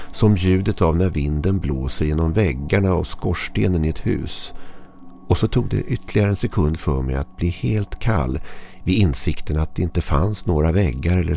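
A man narrating a scripted horror story in a measured, ominous way. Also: low voice, vocal fry, warm tone, a little hiss or hum.

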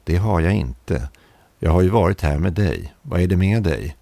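Figure: Henrik, man reading a strangely altered hiking companion, low, cold, dark and flat, storybook. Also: creaky, no echo. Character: eerily changed male hiking companion, cold and unmoved.

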